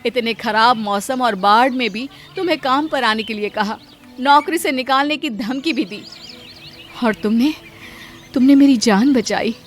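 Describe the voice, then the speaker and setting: A woman's voice: fairly high pitch, measured pace, soft background music, lightly acted. A woman voicing a stern, commanding wealthy mistress of the house in a cartoon story. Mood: remorseful. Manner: scolding, commanding.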